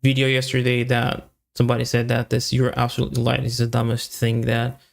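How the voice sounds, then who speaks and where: A software developer thinks aloud during casual live coding, muttering halting fragments separated by long pauses. His mid-range voice is creaky and completely flat.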